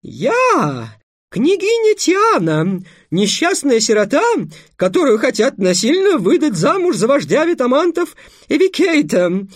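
A man voicing a gangly young man who fakes a girl's voice in a breaking falsetto, exclaiming melodramatically. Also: wildly swooping pitch, a little slow, no room sound, studio quality, full character voice. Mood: melodramatic.

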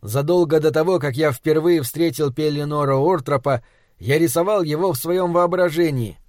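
Male audiobook narrator, higher-pitched, measured and reflective, dry close recording. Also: darkish tone, no echo.

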